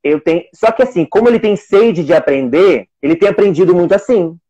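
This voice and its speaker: Animated and a little fast, this man's voice sits high with a warm tone, though the recording is muffled. He's a teacher of young children chatting live on video about being an adoptive single father, rambling with lots of restarts and quoting his talks with his son.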